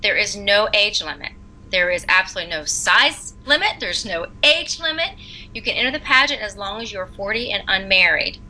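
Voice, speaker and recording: A woman's voice: mid-range voice, expressive, normal speed, sharp tone, a little hiss or hum, poor audio. A middle-aged woman who directs pageants, chatting in an interview and laughing often.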